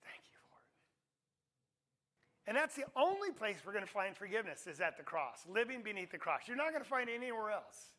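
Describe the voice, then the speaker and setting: A man's voice: high voice, sing-song, brisk, pauses often, bright, forceful tone. A man teaching a Bible class in a conversational way, often asking his listeners questions. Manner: conversational, asks the audience questions. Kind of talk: interactive Bible class sermon.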